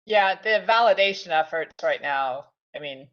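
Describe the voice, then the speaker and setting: A woman on a video call weighing a proposal, hedging and halting as she talks. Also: fairly low pitch, animated. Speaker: committee member. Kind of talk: discussion in a video meeting. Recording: dull lo-fi audio.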